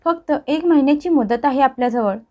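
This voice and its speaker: A woman's voice: sits high, fairly quick, a little mellow, lightly acted. A woman voicing a troubled young husband who pleads with his mother and defends his wife, on a dull lo-fi recording. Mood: tense pleading. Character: young married man, troubled and pressured son.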